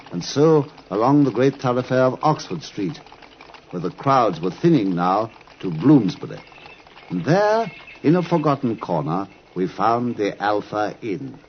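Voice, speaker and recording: An actor playing a loyal, affable British gentleman doctor, bluff and well-spoken, in an old radio drama. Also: mid-range voice, big pitch swings, measured pace, slight background noise. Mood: atmospheric storytelling. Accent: British English. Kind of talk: 1950s radio drama acting. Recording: muffled old radio recording.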